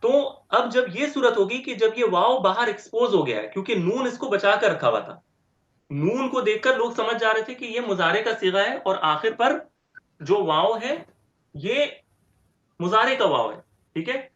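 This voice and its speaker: A man teaching Arabic grammar step by step in an online lecture, repeating word forms slowly and often checking with "ठीक है?". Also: high voice, expressive, a bit bright. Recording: roomy, dull lo-fi sound.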